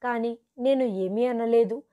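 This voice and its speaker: A woman telling a first-person story in a steady, earnest scripted narration. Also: on the high side, unhurried, narrow, tinny audio.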